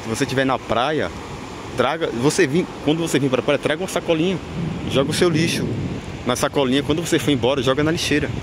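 A man with a Brazilian accent and a slightly high, fast voice gives unscripted walking vlog commentary on an open, windy beach. He repeats himself in an admonishing way and uses frequent tag questions. He's behind a handheld camera whose mic picks up loud wind noise along with outdoor ambience.

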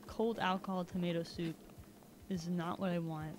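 A woman's voice: fairly low pitch, little pitch movement, moderate pace, darkish tone, slight background noise. Chatty rambling woman streamer. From Canada. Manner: chatty, rambling, laughs often. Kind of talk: casual chat while playing a video game. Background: video game music.

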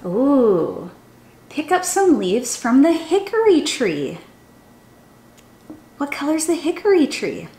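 A young adult woman, acting as a storytime teacher, reads a picture book aloud to small children, addressing them directly in an expressive, sing-song way. Her high voice swoops widely up and down, and she speaks slowly with long pauses. The room adds a noticeable indoor echo, with slight background noise.

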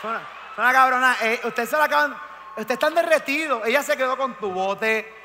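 A man with a Puerto Rican accent doing crude, shouted stand-up comedy on a large arena stage. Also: very high voice, fast, background noise. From Puerto Rico. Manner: loud, crude, often shouting. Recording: reverberant arena with loud music.

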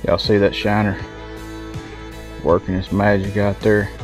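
A man's voice: fairly low pitch, flat delivery, measured pace, faint music behind. A man chatting casually to viewers while bank fishing at a pond, folksy and talkative. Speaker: fishing vlogger. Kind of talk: casual outdoor commentary.

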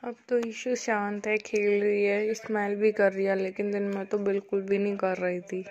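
A woman's voice: medium pitch, little pitch movement, moderate pace, darkish tone, dull audio, a little hiss or hum. A young woman vlogging at home, chatting to camera and cooing baby talk to her infant. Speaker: vlogger, mother. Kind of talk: casual home vlog.

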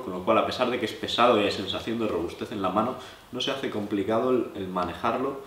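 Sitting at a wooden table in his living room, a low-voiced knife-sharpening instructor from La Mancha, speaking with a Spain Spanish accent, addresses viewers in a hands-on tutorial. His manner is relaxed and explanatory, with chatty asides, in an echoey room with slight background noise.

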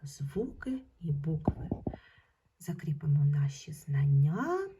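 A woman teacher speaks in a fairly low voice, pronouncing each sound of a word one at a time at an unhurried pace. Her pitch jumps up and down as she stresses words for young pupils. Some of her explaining drops to a soft half-whisper. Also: big pitch swings, noisy background. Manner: slowly sounds out single letters and sounds. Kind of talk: primary school language lesson.

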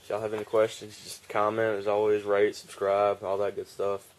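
A young fishing vlogger casually presents his gear on a wooden porch outdoors, rambling in a relaxed show-and-tell filmed handheld. He speaks in a low, monotone voice at a moderate pace, and the audio quality is poor.

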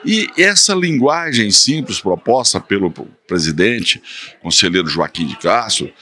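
A man in his fifties with a Brazilian Portuguese accent, a councillor speaking in halting, repetitive phrases in a press interview. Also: on the low side, animated, bright, forceful tone. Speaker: tribunal councillor. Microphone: handheld reporter mic.

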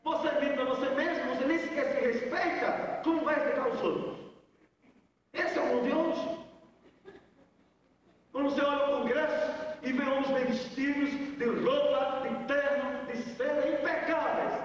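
High-voiced man preaching in an echoey hall. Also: steady tone, moderate pace. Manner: emphatic preaching with rhetorical questions to the congregation. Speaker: pastor. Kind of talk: sermon. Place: large hall. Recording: echoey hall, voice from far off, dull sound.

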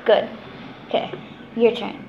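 A woman's voice: slow pace, dull audio, a little hiss or hum. A woman vlogger chatting playfully through a family accent game, laughing often. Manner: giggly, playful. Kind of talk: casual family game chat.

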